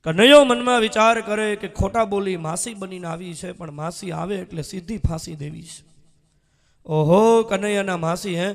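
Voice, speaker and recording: A man giving a devotional sermon, telling stories in a folksy, humorous, animated way. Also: high voice. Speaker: kathakar, preacher.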